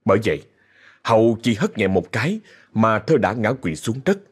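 A man narrating a ghost story in a dramatic, expressive way. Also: lowish voice, moderate pace, breathy edge.

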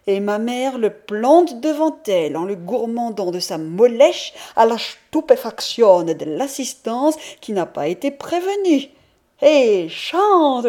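A woman reading a novel aloud as an audiobook narrator, in a measured, expressive literary manner. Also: fairly high pitch. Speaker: audiobook reader.

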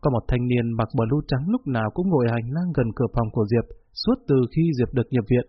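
Husky male audiobook narrator. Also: medium pitch, lively intonation, quick pace. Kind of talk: scripted story narration. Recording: dull lo-fi recording with faint music.

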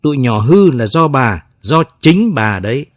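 A man voicing a furious middle-aged father, shouting bitter accusations at his wife. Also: mid-range voice, big pitch swings, a little slow, no echo, clean studio sound.

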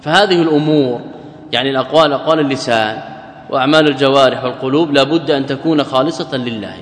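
A man's voice: mid-range voice, fast talker. A man teaching as an Islamic scholar, quoting a passage, then glossing it step by step and asking and answering his own questions. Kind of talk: lecture. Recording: echoey hall recording.

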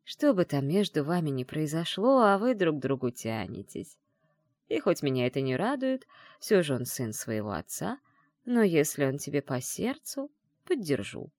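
A woman reading the part of a caring, shrewd middle-aged witch mother in an audiobook, in a gentle, teasing way. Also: deep voice, sing-song, normal speed, no echo, studio quality. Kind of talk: audiobook character voice.

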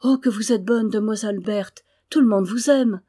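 A woman's voice: mid-range voice, normal speed, warm tone, lightly acted. A woman reading the lines of a humble, timid young girl, anxious and self-effacing. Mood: flattering.

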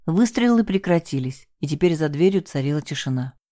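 A woman with a low, dark, mellow voice narrates a tense first-person story. The sound is dry and close, with no room around it. She lifts her pitch and pushes harder when the characters shout. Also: expressive, fairly quick, no echo. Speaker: audiobook narrator.

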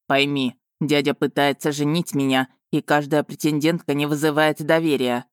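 A proud, domineering male dragon from a fantasy audiobook, speaking in a lowered, firm, growling tone, as a woman reader puts him on. The delivery is close and dry. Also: level tone, normal speed, clear, resonant tone, no echo, lightly acted. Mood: cold.

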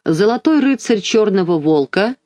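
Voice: mid-range voice, lively intonation, normal speed, no echo, pitched above the performer's own voice, natural voice. A reader voicing a short-tempered, pompous old king from a storybook who barks out proclamations, with a dry sound. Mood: pompous, decreeing. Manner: loud, barking proclamations.

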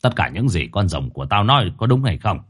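A gruff middle-aged exorcist, bossy and quick to scold, with a husky, lowish voice, voiced by a male storyteller. His delivery rises and falls with lively emphasis.

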